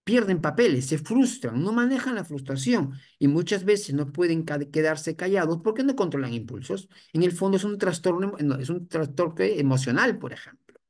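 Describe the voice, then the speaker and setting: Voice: mid-range voice, animated, moderate pace, few pauses, darkish tone. A family counselor, giving an educational talk on parenting. The speaker explains patiently and restates points with rhetorical questions. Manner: explanatory, repeats points, often adds "for example". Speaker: family counselor addressed as doctor.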